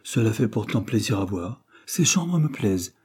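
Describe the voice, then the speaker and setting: A man reading aloud voices a gentle, easygoing old lady in a storybook. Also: on the low side, big pitch swings, normal speed, breathy edge. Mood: mild. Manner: mild, conciliatory.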